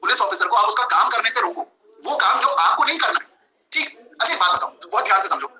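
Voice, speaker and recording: A young man teaching law in a live online class, lively, switching between Hindi and English and acting out his examples. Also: sits high, fast, low-quality recording.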